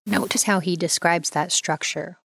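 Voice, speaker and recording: A woman delivers scripted documentary narration in a low, measured voice. Her tone is informative, and the sound is close and dry with no room around it. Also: fairly even intonation, gravelly, fairly bright tone, no room sound.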